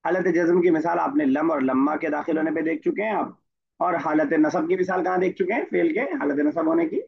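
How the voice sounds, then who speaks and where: A man's voice: a little high, fairly quick, creaky, husky, lo-fi sound. A man teaching an online Arabic grammar class, explaining patiently and quizzing his students by name.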